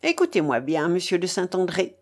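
A woman voicing a cold, ferocious male pirate in a storybook reading, calmly menacing and sneering. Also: on the low side, normal speed.

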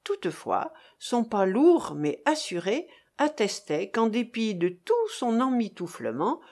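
Expressive woman audiobook narrator. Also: medium pitch. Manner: expressive, measured reading. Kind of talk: scripted narration.

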